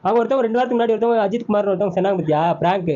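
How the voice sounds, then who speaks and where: A man's voice: high voice, rapid-fire, warm tone, highs cut off. A man hosting a home prank video, teasing and coaxing his wife in casual banter.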